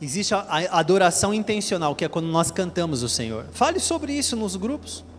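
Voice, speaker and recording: A man's voice: high-pitched, sing-song, fairly quick, faint music behind. A male Brazilian pastor preaching to a large church, energetically drilling the congregation in chanted repetition. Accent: Brazilian Portuguese. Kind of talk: sermon leading congregation call-and-response. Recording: church hall reverb, faint ambience.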